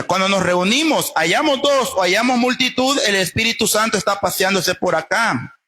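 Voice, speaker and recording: A man's voice: high voice, sharp tone. A male pastor preaching a sermon in a fervent style, crying out in rising calls to the congregation.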